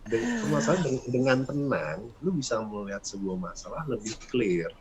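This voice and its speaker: A man talks through calm and breathing like a patient coach in a casual podcast chat. His pitch swings widely as he explains, rising high on examples and dropping low and soft on the calm parts. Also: normal speed, crowd noise, rough recording.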